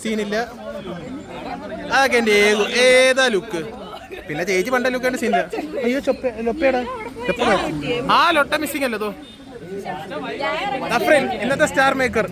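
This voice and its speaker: Young male vlogger, high voice, teasing host of a group trip; busy crowd chatter behind. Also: moderate pace, long pauses. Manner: teasing, chatty, introducing friends to camera. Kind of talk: casual travel vlog with friends. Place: among a group on a road trip, by a bus. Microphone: handheld camera.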